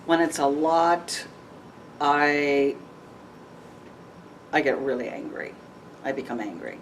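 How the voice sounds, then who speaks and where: An interview guest with a notably low voice speaks slowly, telling her story frankly with an animated lilt and frequent easy laughs. She sits some distance from the mic at an event venue with audience tables, so she sounds set back in the room, with a faint hiss underneath.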